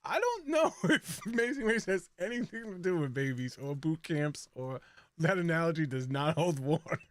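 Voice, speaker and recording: A man's voice: a little high, animated, normal speed. A man co-hosting a casual recap show, talking in a chatty way and laughing often mid-sentence. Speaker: podcast co-host.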